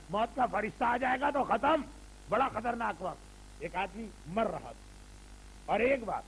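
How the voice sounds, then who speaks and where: Older cleric guy with a really high voice, preaching, repeats lines a lot, slips in english words, faint hum behind. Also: gravelly, rough recording. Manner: repetitive rhetorical preaching, mixing in English words. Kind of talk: sermon.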